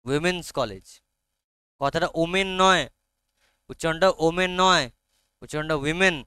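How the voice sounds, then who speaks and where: A man's voice: a little high, normal speed, pushed and bright, clear, resonant tone, no room sound, clean studio sound. A man with a Bengali accent teaching a grammar lesson to a class, often stopping to check that students follow. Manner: frequent check-ins with students.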